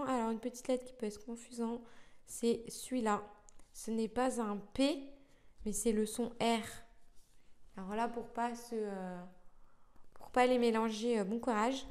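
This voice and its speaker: A woman's voice: on the high side, a little mellow. A young woman vlogging casually about learning letters, thinking aloud with frequent hesitations and fillers. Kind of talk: casual live learning vlog.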